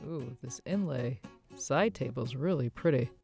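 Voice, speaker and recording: A woman's voice: a bass voice, expressive, unhurried, creaky. A woman narrating a shopping vlog about antiques and home decor in an enthusiastic, gushing way. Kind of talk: casual shopping vlog voice-over. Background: soft guitar music.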